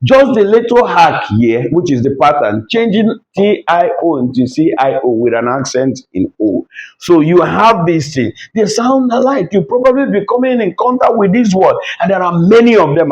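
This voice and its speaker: A man teaching a language lesson at a board, repeating each word slowly to drill it. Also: on the high side, a little mellow, muffled recording.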